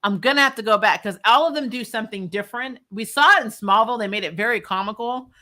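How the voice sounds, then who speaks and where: Talking fast in a slightly high, pushed, bright voice, a woman hosts a TV recap livestream. She chats informally and casually about shows and what viewers have commented.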